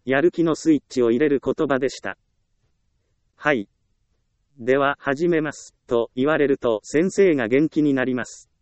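A man narrating a self-help book in a calm, measured reading voice with even pauses. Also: mid-range voice, no room sound. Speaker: audiobook narrator.

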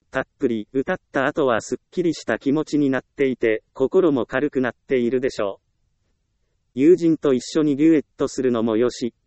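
A man giving scripted self-help narration in a calm, measured reading with frequent short pauses. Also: mid-range voice, no echo.

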